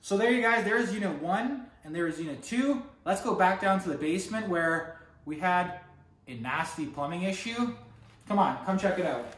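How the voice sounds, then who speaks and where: A young man from Canada shows off his renovation in a walkthrough to camera, speaking high, expressive and a bit bright at normal speed. The mic is distant, as another person holds the camera a few steps away in an echoey, empty apartment. He invests in real estate and keeps cheerfully chatting to viewers as guys.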